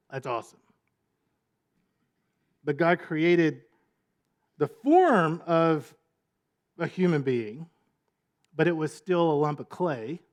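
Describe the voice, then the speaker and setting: A man preaching a sermon, telling stories in an animated way with sound effects and little voices. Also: a little high. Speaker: pastor.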